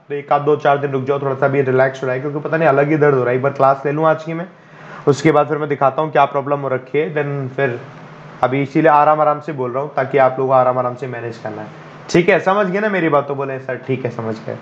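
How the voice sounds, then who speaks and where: A man teaching English for bank exams in a live online class, speaking slowly and gently because of a headache, and coaxing students to answer. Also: sits high, lo-fi sound. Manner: explains in Hindi mixed with English, coaxing students to reply. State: has a headache.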